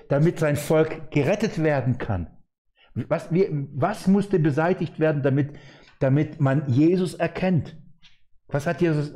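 A man preaching a sermon, emphatic and animated, asking his listeners rhetorical questions as he explains scripture. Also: a little high. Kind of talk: sermon, Bible exposition.

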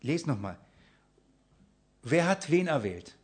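A man preaching, asking the congregation questions and answering them himself, swinging between loud emphasis and hushed near-whispers. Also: on the high side, big pitch swings, slow, slightly rough. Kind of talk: sermon with Bible reading.

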